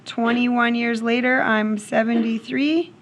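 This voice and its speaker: A woman's voice: a little high, fairly even intonation, slow, a little hiss or hum. A woman teaching math to a class in a classroom, working problems aloud and often checking in with "okay?". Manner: checks in with questions, frequent "okay?". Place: classroom with students.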